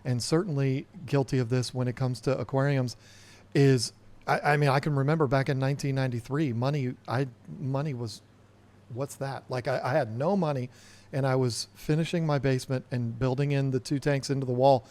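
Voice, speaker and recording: A man co-hosting an easygoing podcast. He talks conversationally and tells stories from his own experience, stating his views with emphasis. His voice sits at an average pitch for a man. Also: fairly even intonation, a little fast, a little mellow. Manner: conversational, storytelling, emphatic opinions. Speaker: podcast co-host. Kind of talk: casual podcast chat.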